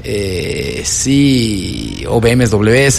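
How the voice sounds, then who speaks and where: Brief: man, mid-pitch, animated talker, long reverb, faint room noise. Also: extremely slow, vocal fry. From Ecuador. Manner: animated, acts out quoted dialogue. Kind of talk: casual conversation.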